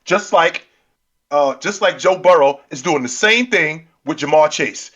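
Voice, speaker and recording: Animated man talking sports, lo-fi. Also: fairly high pitch, a little slow. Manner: animated, repeats himself when excited. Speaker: podcast co-host. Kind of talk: casual sports chat.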